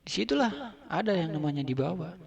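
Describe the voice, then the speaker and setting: A man's voice: sits high, sing-song, brisk, vocal fry, husky, lo-fi sound. A man performing a stand-up comedy monologue, telling an absurd, repetitive story in casual slang. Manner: shouts out acted lines of dialogue.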